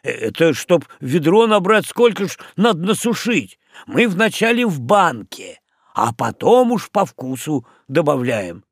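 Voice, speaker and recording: A man putting on a high, eager islander. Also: sing-song, measured pace, no room sound, studio quality, full character voice. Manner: eager, agreeable. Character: simple-minded, eager man island dweller.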